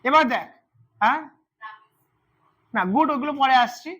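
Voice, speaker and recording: A man's voice: very high voice, moderate pace, bright, forceful tone. A man teaching English grammar to a class, repeating words and quizzing his students as he goes. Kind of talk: classroom lesson.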